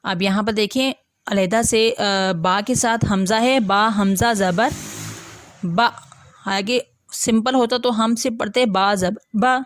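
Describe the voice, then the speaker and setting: A woman with a slightly high voice gives an online reading lesson. She explains patiently, step by step, asking questions and then answering them herself. She slowly sounds out single letters and words, and the sound is close and dry. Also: fairly even intonation, no room sound. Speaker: teacher.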